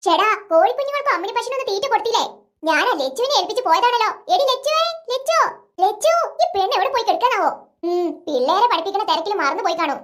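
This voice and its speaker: A performer voicing a strict, sharp-tongued mother in a cartoon, nagging and sarcastic toward her husband. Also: very high-pitched, lively intonation, quick pace. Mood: calling. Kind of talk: cartoon voice acting.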